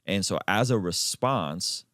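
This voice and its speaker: Deep-voiced emphatic male podcast host. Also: animated, slow, a bit bright, no room sound, clean studio sound. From Azerbaijan. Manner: emphatic, jumps up in pitch to stress points. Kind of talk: conversational podcast interview.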